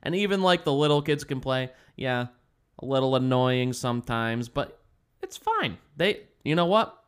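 A man's voice: medium pitch, animated, moderate pace, clear, resonant tone. A man co-hosting a casual podcast about games, rambling easygoing and laughing often. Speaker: podcast co-host. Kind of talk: casual chat.

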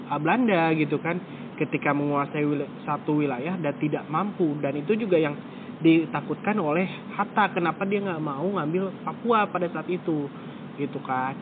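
A man's voice: fairly high pitch, normal speed. A man hosting a casual conversation, talking in rambling, self-correcting runs with frequent fillers. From West Java. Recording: tinny phone-like audio with clear background noise.

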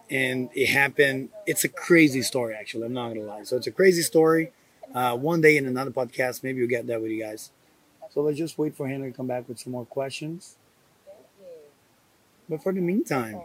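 A man's voice: medium pitch, recorded from a distance. A man co-hosting a podcast, joking and bantering playfully in casual chat. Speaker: podcast co-host.

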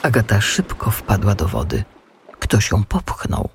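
Slow, expressive male storyteller. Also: on the low side, gravelly, breathy edge. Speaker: narrator. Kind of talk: storybook narration.

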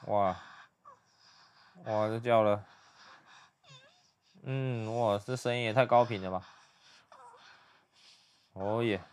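Low, smooth-voiced man muttering commentary. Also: steady tone, slow pace, pauses often. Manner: hushed, muttered running commentary. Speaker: host reacting to a video. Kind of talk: play-by-play reaction commentary.

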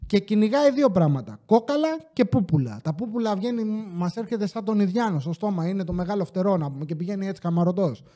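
Male podcast host, high-pitched and warm-toned, loose profane storyteller. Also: expressive, few pauses. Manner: profane, rambling, joking rants. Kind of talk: casual comic storytelling.

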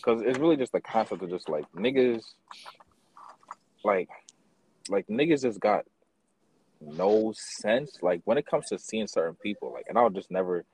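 A man co-hosting a podcast, telling stories at a slow, drawn-out pace in slang-heavy casual chat. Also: on the low side, expressive, a little mellow, slight background noise.

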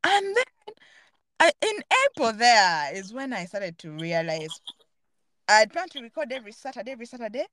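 A woman's voice: a little high, very animated, normal speed, a bit bright, no echo. A woman hosting a podcast, talking earnestly and thoughtfully in a casual, reflective chat while searching for her words. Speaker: podcast host.

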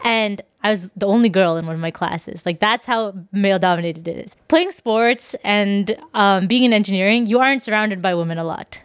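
A woman's voice: medium pitch, moderate pace, few pauses, smooth, no echo, studio quality. A woman in her twenties, a podcast guest, chatting casually with frequent laughs and acted-out quotes. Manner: animated, laughs often, acts out quoted voices. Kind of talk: casual interview chat.

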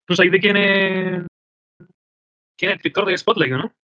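A man's voice: sits high, fairly even intonation, normal speed, dry recording. A man with a Chilean accent hosting a casual film podcast, chatty and often trailing off in hesitations. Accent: Chilean Spanish. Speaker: podcast host. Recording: slightly dull, dry sound.

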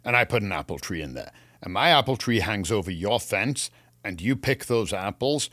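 An Englishman co-hosts a gardening show, chatting casually and with strong opinions while telling stories and acting out quotes. His lowish voice is expressive and sharp-toned, at normal speed, with no room sound in the recording.

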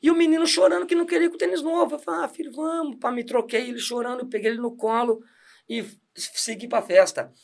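A middle-aged deacon tells his story in a casual, chatty way. His voice sits high for a man, and he laughs often and restarts his sentences. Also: quick pace, gravelly. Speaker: deacon giving testimony. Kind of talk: casual testimony chat.

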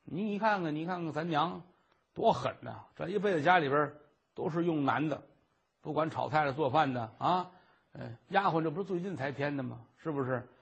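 Male storyteller as a grumbling, resigned grown son; husky. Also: on the high side, a little fast, lo-fi sound.

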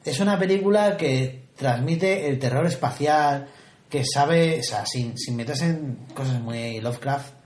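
A man's voice: mid-range voice, a little slow, a little mellow. A man from Spain co-hosting a casual film podcast, playful and often searching for words. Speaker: podcast co-host. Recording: echoey room.

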